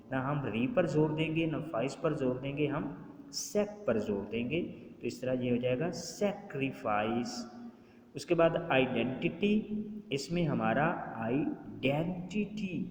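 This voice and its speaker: A man teaching an English lesson, saying model sentences slowly and translating each one. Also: medium pitch, darkish tone, a little hiss or hum. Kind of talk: bilingual classroom lesson. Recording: echoey room with long reverb.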